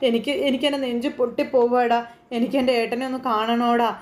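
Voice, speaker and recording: Woman doing a grieving sister, high-pitched and rushed, pleading and tearful, told like a spoken story. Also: fairly even intonation, darkish tone, a little hiss or hum, close to an everyday voice. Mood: distraught pleading. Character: grieving middle-aged woman desperate for her brother.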